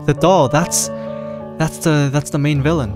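A man's voice: a little high, steady tone, unhurried. A young man doing casual let's play commentary, reading game dialogue aloud. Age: young adult. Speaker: gaming streamer. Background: game music.

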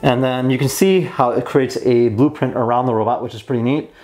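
In a plain indoor room at a table, a young man in his twenties who runs a toy review channel gives an easygoing, mildly enthusiastic hands-on product demo. His medium-pitched, darkish voice holds a steady tone at a fairly quick pace.

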